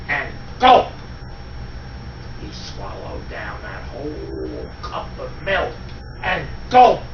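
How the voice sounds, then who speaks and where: An older man reading a picture book aloud to his grandchildren, slow and emphatic with sound effects. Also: high-pitched, a little hiss or hum. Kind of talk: storybook read-aloud. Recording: roomy, distant, dull home recording.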